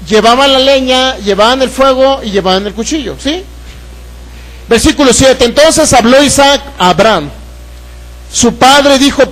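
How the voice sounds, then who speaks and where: The audio is poor, but you can hear a pastor with a Mexican Spanish accent and a very high, somewhat bright voice. As he preaches, he poses questions to his congregation and acts out the voices in a Bible story.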